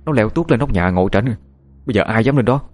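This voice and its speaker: A man voicing a nervous teenage schoolboy who talks quickly and in a hushed way. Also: on the low side, lively intonation, no room sound, faint music behind. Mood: exasperated.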